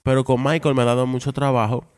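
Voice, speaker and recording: A man's voice: mid-range voice, flat delivery, quick pace. A man with a Dominican Spanish accent chatting casually as a podcast co-host, blunt and slangy, swearing freely. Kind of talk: casual chat.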